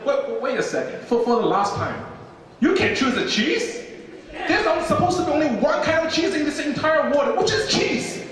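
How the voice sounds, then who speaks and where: Young man, Chinese accent, stand-up comedian, animated storyteller, long theater reverb. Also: extremely high pitch, normal speed, far from the mic, a little hiss or hum. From China. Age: young adult. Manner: animated storytelling, acts out other people. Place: large theater stage. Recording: echoey theater hall from afar.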